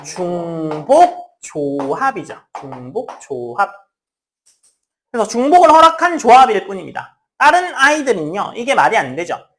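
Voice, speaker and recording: A woman's voice: mid-range voice, a little slow. A woman math teacher lecturing a class, her voice rising and falling a lot. She explains with everyday examples and slips into casual talk to her students. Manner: lively, talks to students in casual speech, acts out student lines.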